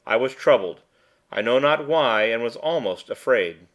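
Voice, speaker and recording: A man narrating a short story in a measured, even reading voice. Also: mid-range voice. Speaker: audiobook reader. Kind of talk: scripted narration.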